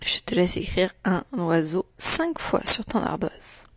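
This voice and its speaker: A woman teacher giving a slow dictation lesson to young children, saying each syllable clearly and repeating it. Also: lowish voice, sing-song, dry recording. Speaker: primary school teacher.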